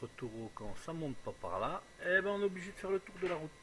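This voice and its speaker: A man's voice: on the high side, big pitch swings, fast talker, fairly bright tone. A man giving casual, jokey let's play commentary, musing aloud as he plays. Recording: clearly noisy home recording.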